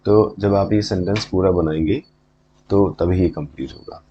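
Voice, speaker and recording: A man's voice: low voice, normal speed, warm tone, dull audio, a little hiss or hum. A male teacher with an Indian accent, explaining a textbook lesson in Hindi and reading English lines aloud, repeating words for pronunciation.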